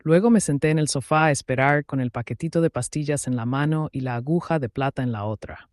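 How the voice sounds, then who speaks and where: A man narrating a first-person dramatic story in a calm, even way. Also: fairly high pitch, fast, dry recording, studio quality.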